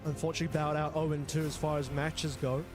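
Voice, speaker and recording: A man's voice: fairly high pitch, little pitch movement, quick pace, music in the background. A man giving live esports commentary as a match caster.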